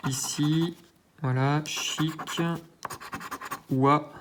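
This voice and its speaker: A man's voice: on the high side, steady tone, extremely slow, a bit bright, a little hiss or hum. Guy scratching tickets and chatting to himself, lots of ums, pokes fun at himself, faint clicks in the background. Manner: hesitant, thinking aloud, frequent filler sounds; self-mocking asides. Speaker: scratch-card channel host. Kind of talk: casual commentary while scratching tickets.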